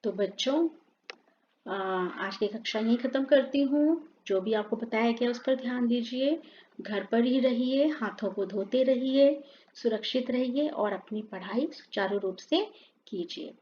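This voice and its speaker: A woman teacher giving a grammar lesson to students, reading word lists aloud slowly and deliberately. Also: a little high, mellow, slight background noise. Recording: dull lo-fi sound.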